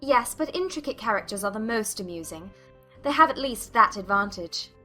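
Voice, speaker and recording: A woman's voice: mid-range voice, lively intonation, moderate pace, sharp tone, soft background music. A woman voicing a witty, self-assured young lady in a dramatized audiobook, teasing and articulate. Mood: playful. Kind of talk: dramatized audiobook character reading.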